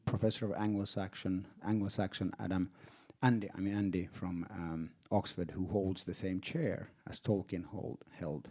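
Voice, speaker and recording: A man's voice: low-pitched, creaky, mellow. A man from Finland with a Finnish accent, a film director answering audience questions in a theater Q&A, hesitant and restarting as he thinks aloud. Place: theater stage before an audience.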